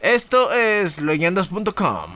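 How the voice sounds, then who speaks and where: A man's voice: sits high, sing-song, slow, sharp tone. A man hosting a casual radio show, speaking a little oddly with one side of his mouth swollen after having his wisdom teeth out. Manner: slightly odd, impeded speech from a swollen side after wisdom teeth removal.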